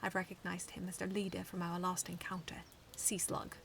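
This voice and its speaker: A woman reading her own fanfiction aloud in a steady storytelling manner, with small slips and restarts. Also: on the low side, brisk, gravelly, slight background noise.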